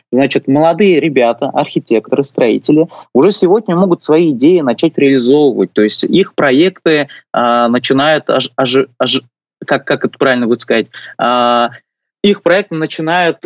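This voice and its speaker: A man in his late twenties, a guest on a radio show, speaking earnestly with many pauses and fillers. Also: mid-range voice, no room sound, highs cut off. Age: 20s. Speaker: guest, youth official. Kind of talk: radio interview.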